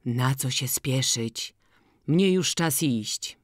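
A woman voicing an old farmer who talks slowly and deliberately. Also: expressive, no room sound, clean studio sound, full character voice. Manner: slow, measured, low-key.

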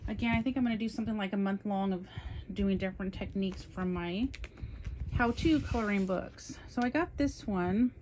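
A woman's voice: medium pitch, moderate pace, a little mellow, slight background noise. A woman hosting a casual coloring book haul, talking chattily and with enthusiasm as she flips through her purchases. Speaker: coloring channel host. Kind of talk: casual haul show-and-tell.

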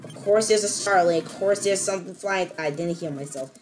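A woman's voice: fairly quick, slight background noise. Exasperated young woman ranting over gameplay. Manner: exasperated ranting, jumps to squealing high pitch. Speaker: gameplay commentator. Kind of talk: let's-play commentary.

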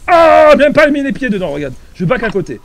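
A man streaming a game with friends, excitable and loud, shouting, laughing and joking in mock outrage. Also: very high-pitched, fairly quick, gravelly. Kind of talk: casual gaming stream chat.

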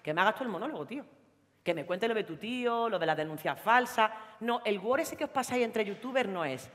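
A woman's voice: medium pitch, lively intonation, brisk, a bit bright, big-room sound, natural voice. A woman playing a cocky, macho teenage boy from Jaén with an Andalusian accent, brash and teasing on a theatre stage. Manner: brash, teasing, streetwise slang. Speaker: actress. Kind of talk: theatre monologue.

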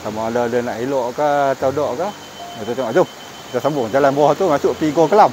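Speaking fast in a mid-range voice against a noisy background, a middle-aged vlogger with a northern Malaysian Malay accent chats casually through his face mask. He's walking outdoors on forest park trails near a cave, recording with a camera at arm's length.

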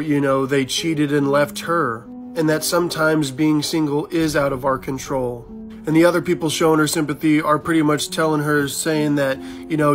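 Guy doing a breaking-news style rundown, bit high voice, music under it. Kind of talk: scripted viral news narration.

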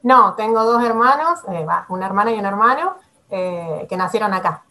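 A woman's voice: medium pitch, animated, moderate pace, pushed and bright. Hesitant Rosario-accented woman on a video call. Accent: Rosario Argentine Spanish. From Argentina. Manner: hesitant, many fillers and restarts, laughs often. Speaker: climate activist guest. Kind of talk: casual interview answers. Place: small room at home. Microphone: webcam on a video call.

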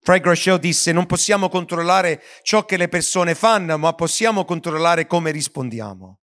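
A man's voice: on the high side, moderate pace, fairly bright tone. A man preaching a sermon as pastor, earnest, with frequent restarts and stumbles over words.

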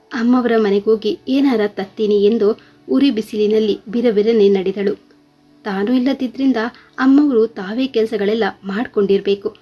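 A woman reading a scripted story aloud in a steady, earnest way. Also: medium pitch, slightly rough.

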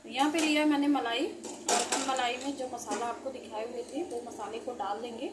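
A woman's voice: on the high side, fairly even intonation, a little fast, recorded from a distance. A woman hosting a home cooking channel, walking through a recipe step by step in a chatty, instructive way while she cooks. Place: home kitchen, indoors. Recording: echoey kitchen, voice from off-mic, loud cooking noise.

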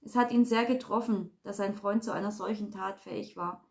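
A woman's voice: mid-range voice, steady tone, brisk, a little mellow, lightly acted. A woman voicing a domineering middle-aged daughter who talks in a bossy, effusive way.

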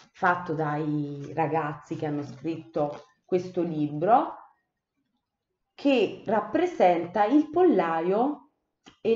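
Maestra che legge lentamente una fiaba. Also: female voice, deep voice. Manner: slow, expressive storytelling. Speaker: teacher. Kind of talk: reading a children's book aloud. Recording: echoey room, dull muffled sound.

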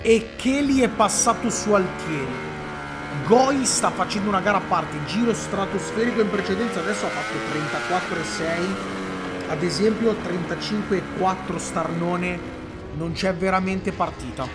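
High-pitched, excitable male race commentator. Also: normal speed, over loud music. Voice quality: strained, tired voice. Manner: excitable, repeats words and phrases. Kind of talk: live motorcycle race commentary. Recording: loud engine and vehicle noise. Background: trackside motorcycle noise.

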